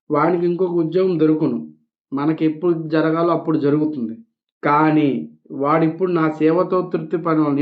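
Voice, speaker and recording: A man reading a devotional text aloud and explaining it in casual speech, with small restarts and English words dropped in. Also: on the high side. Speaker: devotional reader. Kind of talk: scripture reading with spoken commentary. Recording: tinny phone-like recording.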